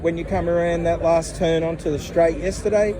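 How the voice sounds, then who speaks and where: A man's voice: a little high, fairly even intonation, fairly quick, background noise. A man interviewing a driver at a racetrack, casual and eager, dropping lots of yeahs. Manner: casual, enthusiastic, says mate and yeah a lot. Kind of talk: trackside interview. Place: outdoors at a racetrack.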